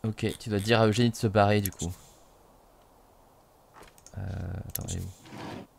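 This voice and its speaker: A man's voice: fairly low pitch, steady tone, moderate pace, creaky, slight background noise. A man from France hosting a let's play, chatting casually and reading the game's story text aloud with playful emphasis.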